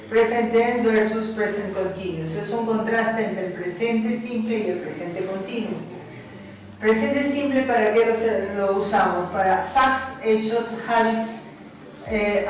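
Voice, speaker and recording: Slow-speaking woman teacher in an echoey room. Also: medium pitch. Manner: slow, drills Spanish-English examples, asks "¿ok?". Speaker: English teacher. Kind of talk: recorded grammar lesson. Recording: very echoey room, distant mic, faint noise.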